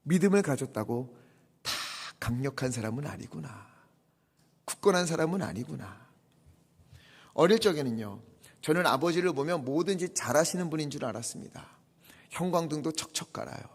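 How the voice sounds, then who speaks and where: Dramatic high-voiced male preacher. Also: expressive, normal speed, long pauses, slightly rough. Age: 40s. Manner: dramatic, swinging between soft hushed asides and loud emphatic peaks. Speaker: pastor. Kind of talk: sermon. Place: church sanctuary. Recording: long church reverb.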